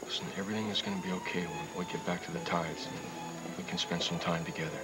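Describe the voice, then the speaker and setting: A young actor playing an earnest husband in a TV soap, talking in a soft, hesitant, tender way. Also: male voice, deep voice, fairly even intonation, quick pace, close to an everyday voice, rough recording. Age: young adult. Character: earnest young husband reassuring his wife. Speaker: soap opera character Trucker. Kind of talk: 1990s TV soap acting. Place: indoor studio set, dining room. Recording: soap soundtrack with music underneath.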